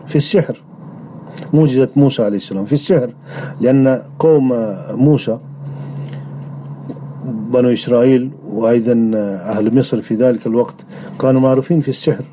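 A man delivering a religious lecture on creed in a measured way, often pausing on drawn-out hesitation sounds. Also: mid-range voice, mellow, a little hiss or hum. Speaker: religious teacher. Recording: dull lo-fi recording.

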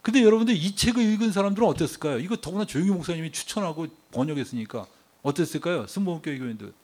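A man preaching from the pulpit in a somewhat high voice. He keeps throwing rhetorical questions at his listeners. His delivery swings from low and quiet to loud and insistent. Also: lively intonation, racing. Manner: fires rhetorical questions at the congregation; emphatic, swings between hushed and raised delivery. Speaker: pastor. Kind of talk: sermon.

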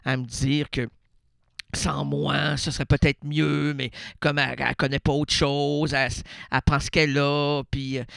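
Playful Québécois man, clear voice. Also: fairly high pitch, fairly bright tone, dry recording, clean studio sound. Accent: Québécois French. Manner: playful, laughing, rambling with voice games. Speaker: radio host. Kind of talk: absurd comic monologue.

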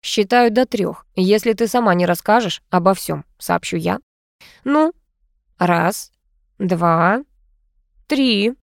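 A woman voicing a stern grown son who calmly accuses his wife, cool and cutting in manner. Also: sits high, slow pace, gravelly, pauses often, no echo, studio quality, exaggerated voice. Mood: accusing.

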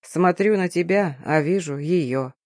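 An audiobook reader voicing a patient, tender middle-aged father with a slow, calm delivery. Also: mid-range voice, no echo, studio quality, close to an everyday voice. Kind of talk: audiobook reading.

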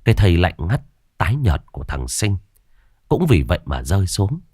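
A man narrating a ghost story in a dramatic, expressive way, voicing every character himself. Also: sits low, moderate pace, husky, no room sound. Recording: dry voice over faint music. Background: faint background music.

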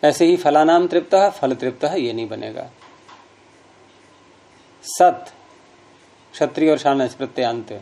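A man's voice: a little high, unhurried, vocal fry, long pauses, warm tone. A man teaching Sanskrit grammar, patiently explaining rules step by step with examples and repeating key terms.

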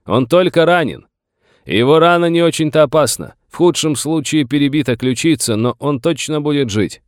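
A man voicing a bold, mocking outlaw gunman who shouts his taunts from a distance. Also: a little high, lively intonation, normal speed, no echo, clean studio sound, voice pushed up, close to an everyday voice. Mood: taunting shout.

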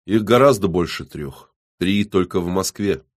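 A man's voice: low-pitched, animated, normal speed. A man reading as a dry, businesslike police captain.

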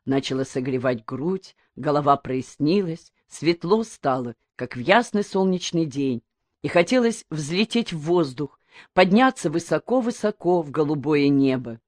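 A woman narrating an audiobook in a calm, expressive reading voice. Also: low voice, unhurried, dry recording, studio quality. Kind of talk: scripted narration.

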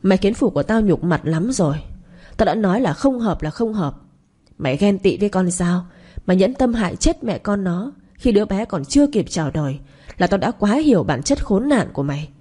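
A woman's voice: medium pitch, animated, brisk, dark tone, husky. A woman voicing a stern, wealthy old man who is head of the household, speaking harshly and with contempt. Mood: contemptuous.

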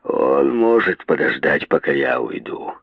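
A man voicing a drunken, lecherous young man who talks in a low, hoarse near-whisper. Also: sing-song, unhurried, no room sound, full character voice. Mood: rough. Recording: dry tinny phone-like sound.

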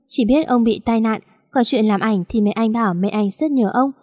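A woman reading a dramatic romance story aloud as a narrator, in a steady, dramatic manner. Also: a little high, normal speed, dry recording, clean studio sound.

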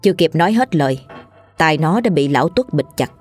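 A woman, narrating a scripted ghost story in a steady reading voice. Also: low-pitched, a little fast, soft background music.

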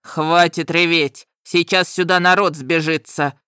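A woman's voice: deep voice, steady tone, normal speed, bright, forceful tone, clear, resonant tone, dry recording, clean studio sound. A woman voicing a huge, impatient male dragon who growls curt commands. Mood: gruff.

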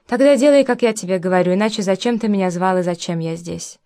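A woman's voice: medium pitch, brisk, darkish tone, close to an everyday voice. A woman reading the lines of a blunt, tough grown man who gives curt, firm orders, in an audiobook. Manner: curt and commanding. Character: blunt, tough adult man, protective friend.

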